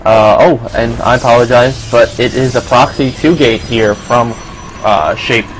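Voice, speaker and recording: Male caster, New York accent, mid-pitched, loose play-by-play with faint background hiss. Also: unhurried, poor audio. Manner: relaxed, filler-heavy, casual. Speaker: esports commentator. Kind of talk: solo play-by-play commentary.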